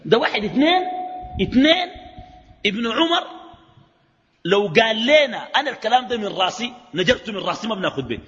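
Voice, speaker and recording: Animated Sudanese sheikh in a reverberant hall. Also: male voice, high voice, quick pace. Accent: Sudanese Arabic. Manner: animated, fires rhetorical questions at the audience. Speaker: sheikh giving a religious lecture. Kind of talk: colloquial religious lecture. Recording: reverberant hall, dull lo-fi sound.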